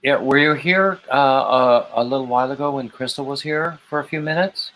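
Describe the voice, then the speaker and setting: A man's voice: medium pitch, moderate pace, rough recording. A man hosting a livestream in a casual, conversational style. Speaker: livestream host. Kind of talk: casual chat. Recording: steady noticeable background noise.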